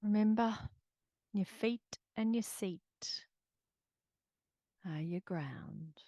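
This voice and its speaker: A woman instructor leading a calm, casual grounding exercise in a movement workshop, gently encouraging in short phrases. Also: medium pitch, extremely slow.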